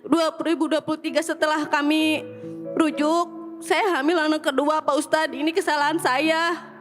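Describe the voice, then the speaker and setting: High-voiced pleading woman over music. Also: little pitch movement, normal speed. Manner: earnest, pleading, keeps addressing the preacher. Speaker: caller asking a preacher for advice. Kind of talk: emotional personal account and question. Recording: music playing under the voice. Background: background music.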